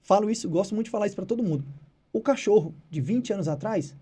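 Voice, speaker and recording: A man's voice: high-pitched, fast talker. A man from Brazil, a veterinarian who is a father, telling stories in a casual interview and acting out his clients' voices. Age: adult with children. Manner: animated, acts out clients' voices. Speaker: veterinarian guest.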